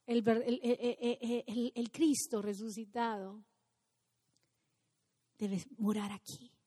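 A woman pastor preaching an impassioned sermon, swinging between loud exclamations and near-whispers. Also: fairly high pitch, little pitch movement, slow, big-room sound.

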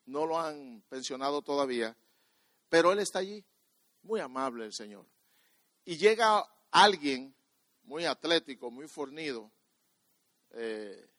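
A man preaches a sermon and tells a personal story, frequently repeating and restarting words while swinging between quiet and loud. His voice is on the high side, and the recording is dry.

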